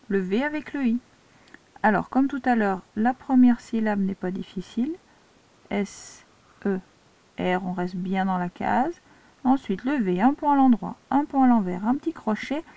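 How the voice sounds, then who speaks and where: Institutrice patiente, voix douce et grave. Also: female voice, a little high, darkish tone, dry recording. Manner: slow, patient step-by-step instruction. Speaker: primary school teacher. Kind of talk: handwriting lesson for young children.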